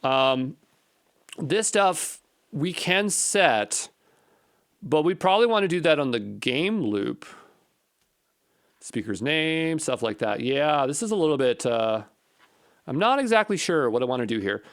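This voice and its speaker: In a fairly high, expressive voice, an instructor works through code without a script, unhurried and leaving long pauses. His musings are tentative, and he often questions himself.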